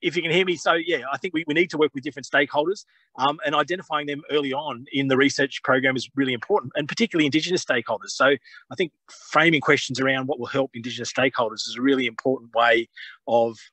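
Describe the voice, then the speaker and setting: A man's voice: medium pitch, bright, forceful tone, no room sound. A man talking in a webinar from a remote outdoor field site, his video call audio choppy and breaking up. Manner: halting, apologetic, restarts through dropouts. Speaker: conservation researcher. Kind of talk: webinar talk.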